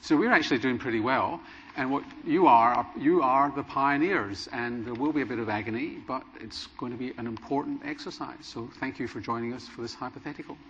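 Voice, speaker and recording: A man's voice: medium pitch, a little fast, fairly bright tone, a little hiss or hum. Middle-aged man moderating a panel. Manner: probing, leading questions. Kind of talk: moderating a panel discussion, then closing remarks. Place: large conference hall stage. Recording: dull sound with hall reverb.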